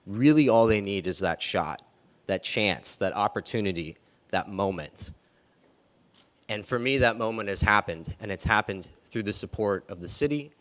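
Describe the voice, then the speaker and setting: A man's voice: medium pitch, a bit bright. A young man giving an earnest public speech at a press event, building phrases in a series. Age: young adult. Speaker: youth speaker at a press event.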